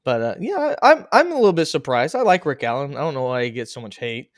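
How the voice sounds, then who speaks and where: A man hosting a casual racing chat podcast, joking and animated. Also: medium pitch, quick pace, no echo, studio quality. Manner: joking, animated, laughs at own bits. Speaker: podcast host.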